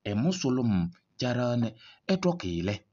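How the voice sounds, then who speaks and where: A man teaching a language through a read story, explaining each word slowly and checking that listeners follow. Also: mid-range voice, very animated, warm tone. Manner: slow, repeats words, asks "c'est bon?". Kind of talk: reading lesson, explaining a story. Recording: dull lo-fi recording.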